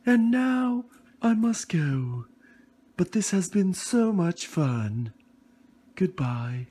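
A woman voicing a gentle magical unicorn in a children's home play, speaking slowly and formally. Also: lowish voice, very animated, exaggerated voice. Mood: solemn. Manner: slow, formal and solemn.

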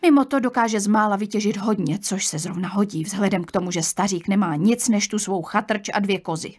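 A woman reading an audiobook, voicing a curt, hurried young aunt who brushes off questions. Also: medium pitch, darkish tone, lightly acted. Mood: curt, impatient. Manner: brusque, dismissive. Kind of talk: audiobook character voice.

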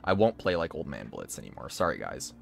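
A man's voice: very deep voice, sing-song, brisk, gravelly, faint music behind. A male game streamer chatting casually on a live stream, his voice strained and tired, laughing and answering chat in slangy talk.

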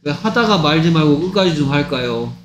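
A man's voice: on the high side, lively intonation, a little fast, slight background noise. A man tutoring English one-on-one, stern and drilling sentences line by line. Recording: echoey room with loud music.

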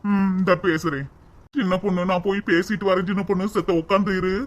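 A woman voicing a young husband in a cartoon, lowering her voice for the role. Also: fairly even intonation, a little fast, lo-fi sound, natural voice. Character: young husband of a village wife. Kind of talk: cartoon voice acting.

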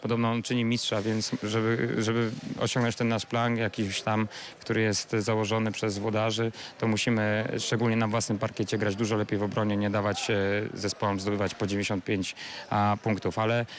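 A young male basketball player talks through a post-match interview in a flat, even tone, pausing often with fillers. His handheld mic picks up clear background noise from the arena. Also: lowish voice. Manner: hesitant, many filler sounds. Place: courtside interview wall in an arena. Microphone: handheld reporter mic.

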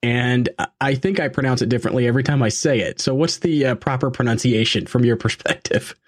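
A male podcast host chatting easily with his guest, full of ums and you-knows. His voice sits at an ordinary middle pitch, recorded close and dry with no room echo. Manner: friendly, many fillers, quick asides. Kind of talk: casual interview.

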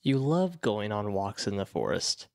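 Brief: a gentle, playful partner, unhurried, dry close audio drama. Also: male voice, fairly low pitch, big pitch swings, creaky, no echo, full character voice. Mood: tender. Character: Logic, a devoted, witty musician partner.

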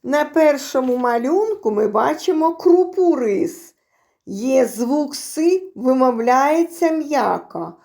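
A woman's voice: sits high, animated, slow pace, vocal fry, dark tone. A woman teaching preschool children a phonics lesson, speaking in an exaggerated sing-song way.

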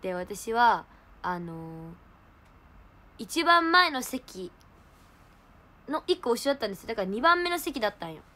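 A young woman, hosting a livestream and telling a story in animated casual chat. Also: on the high side, moderate pace, long pauses. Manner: animated storytelling, laughing, exclaiming. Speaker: idol livestream host.

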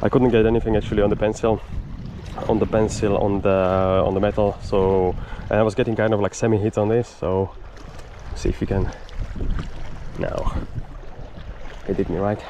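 An angler in his forties chats to camera in casual vlog commentary while fishing from rocks on the coast, chuckling now and then. His voice is lowish, level and mellow at a normal speed, captured by an action camera on a chest mount and handheld, with wind and water audible outdoors.

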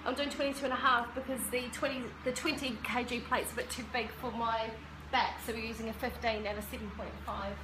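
A woman's voice: fairly high pitch, flat delivery, a little fast. A woman in her thirties chatting casually to camera as she introduces a fitness challenge. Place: medium-sized indoor gym. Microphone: phone on the floor a short distance away. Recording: echoey gym with clear background noise.

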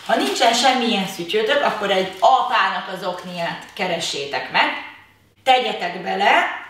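A woman teaching a children's exercise class, talking to the kids in a lively way and calling out commands. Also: mid-range voice. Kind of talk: leading a kids' workout video. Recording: very echoey room, voice from a distance, faint noise.

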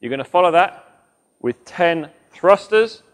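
A man's voice: on the high side, animated, unhurried. A man in his thirties, a fitness coach talking through exercises as he demonstrates them in a large indoor gym, on a lapel mic. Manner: instructive, demonstrates moves while talking. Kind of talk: workout demonstration.

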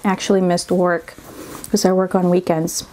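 Eating on camera for a mukbang vlog, a woman who's on the mend from a cold sounds a bit congested as she chats casually between bites and murmurs at her food. She speaks at a normal pace in a lowish, dark-toned voice with little pitch movement, over slight background noise.

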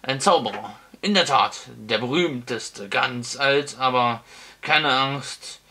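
A man voicing an ancient, toothless male wizard in an audiobook, booming, rambling and giggly. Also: slow, sharp tone, slight background noise. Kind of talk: audiobook character voice.

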